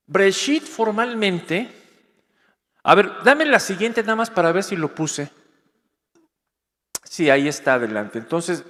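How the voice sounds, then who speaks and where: A man's voice: high voice, a bit bright. A man giving a classroom lecture over slides, explaining step by step and often checking in with his audience. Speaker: course lecturer. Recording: reverberant hall.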